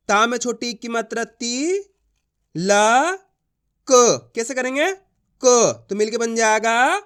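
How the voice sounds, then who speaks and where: Male reading teacher, patient drill style, slow syllable-by-syllable sounding out, frequent comprehension checks. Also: extremely high pitch, fairly bright tone. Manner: repeats patterns and checks if students understand. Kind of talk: online reading lesson.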